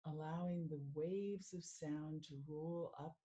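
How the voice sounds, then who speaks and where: A woman working as a mindful living coach, leading a guided meditation in a calm, soothing way. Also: low voice, dull audio. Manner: slow, calm, soothing guidance.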